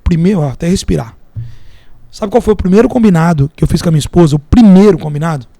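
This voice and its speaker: A man's voice: high voice, fast talker, gravelly, warm tone, no room sound. A Brazilian man, a podcast guest, chatting casually and telling anecdotes and parables with acted-out quotes. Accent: Brazilian Portuguese. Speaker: podcast guest, entrepreneur and mentor.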